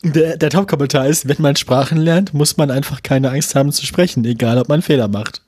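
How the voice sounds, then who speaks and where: Casual male podcaster, raspy-edged and a touch high, chatty, quick to laugh. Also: darkish tone, dry recording, studio quality. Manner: laughs often, chatty, trails off and restarts. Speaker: podcast co-host. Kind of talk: casual chat.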